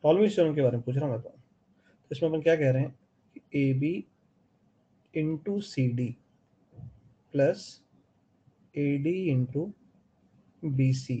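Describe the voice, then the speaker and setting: A man's voice: fairly high pitch, warm tone, husky, highs cut off. A man with an Indian accent teaching geometry in an online class, explaining step by step and checking in with his students. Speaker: math teacher. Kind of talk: online live class lecture.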